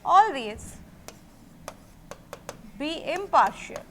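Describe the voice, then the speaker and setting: Woman, high voice, vocabulary teacher, explains step by step, asks and answers own questions, faint background noise. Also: big pitch swings, pushed and bright. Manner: reads English example sentences slowly and clearly. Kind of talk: vocabulary lesson for exam students.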